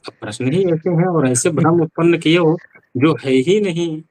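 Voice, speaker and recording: A man's voice: a little high, moderate pace, darkish tone, low-quality recording. A man teaching an online class, questioning and correcting students with dry teasing. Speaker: Sanskrit teacher.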